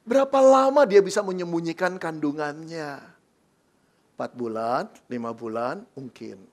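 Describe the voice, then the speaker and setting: A man's voice: a little high, moderate pace, darkish tone. A male pastor preaching a sermon with dramatic storytelling and rhetorical questions to the congregation.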